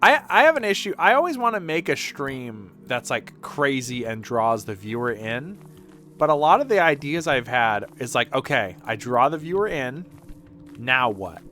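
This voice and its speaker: Very animated and sharp-toned at medium pitch and normal speed, a man livestreams games while chatting casually, rambling and swearing now and then.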